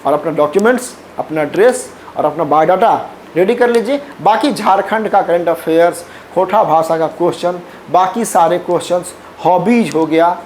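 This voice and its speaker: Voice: mid-range voice, moderate pace, few pauses, a little mellow, slight background noise. An exam coaching teacher giving a casual spoken announcement to students in a chatty, persuasive way, repeating points and checking in with "okay?".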